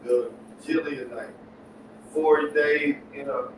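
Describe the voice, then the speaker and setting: A man in a Bible class reading scripture aloud in a halting, careful way. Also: fairly high pitch, fairly even intonation. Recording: echoey room, distant mic, clear noise.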